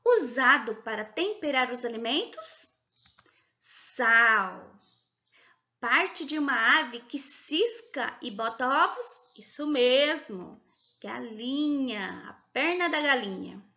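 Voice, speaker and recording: A woman's voice: high voice, animated, slow, sharp tone, dull audio. A woman with a Brazilian accent teaching a remote kindergarten class, sounding out words syllable by syllable and clapping along, patient and encouraging. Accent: Brazilian Portuguese. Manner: patient, encouraging, asks questions. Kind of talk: remote class for young children.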